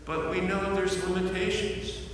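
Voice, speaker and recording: An older male pastor with a high voice delivers an unhurried sermon, telling his story with playful asides and lively quoted voices. He is recorded from far off in a large church sanctuary, with a long, roomy echo and a faint background hiss.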